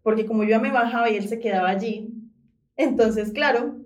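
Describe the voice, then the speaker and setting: Giggly high-voiced woman. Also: fairly quick. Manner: playful, giggly storyteller. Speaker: podcast co-host. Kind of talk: casual chat. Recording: roomy echo, voice far from mic.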